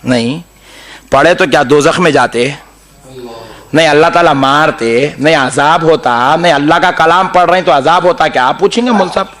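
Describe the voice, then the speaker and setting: A man's voice: a little high, moderate pace. A man preaching a storytelling sermon to a congregation, acting out quotes and asking the crowd questions. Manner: animated, acts out quotes, asks the crowd questions.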